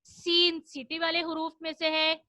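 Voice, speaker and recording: A woman teaching children Quran recitation online, explaining each rule and then chanting the verses slowly for them to repeat. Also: extremely high pitch, completely flat delivery, sharp tone, no echo. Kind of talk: online children's tajweed lesson.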